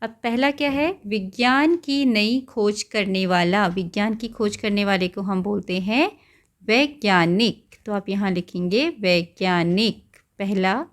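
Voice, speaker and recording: A woman's voice: medium pitch, a little slow, few pauses. A woman teacher patiently explaining a textbook lesson to young children, repeating words and stopping to explain their meanings. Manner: often checks in with "okay" and "right".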